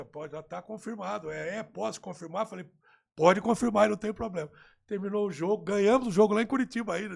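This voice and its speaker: A Brazilian man, a football coach, telling a story in a conversation and acting out the remembered dialogue in a lively way. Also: fairly high pitch, vocal fry.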